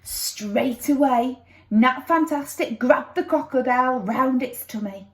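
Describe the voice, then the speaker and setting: Reading slowly in a high voice, a woman narrates a children's story with dramatic, playful expression and sound effects. The recording was made in an echoey room.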